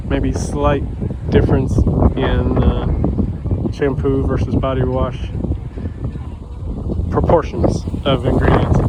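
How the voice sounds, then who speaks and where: This vlogger and educator speaks in a mid-range voice over heavy noise. His casual monologue to camera wanders, full of fillers and false starts, and he comes across congested and sniffling.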